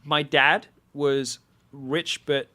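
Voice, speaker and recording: A man in his thirties with a fairly high, bright, cutting voice. He speaks in a theatrical, arch and provocative way, as a guest on a studio podcast. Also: level tone, drawn-out words, no room sound. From England. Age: 30s. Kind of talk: heated podcast conversation.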